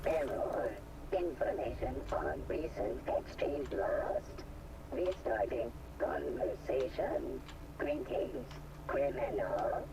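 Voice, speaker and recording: A glitching robot unit. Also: male voice, mid-range voice, slow pace. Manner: clipped, formal, monotone machine phrasing. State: malfunctioning, repeating itself in loops. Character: glitching robot security unit, stiff and officious. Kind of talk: video game character dialogue. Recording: distant game audio with noise.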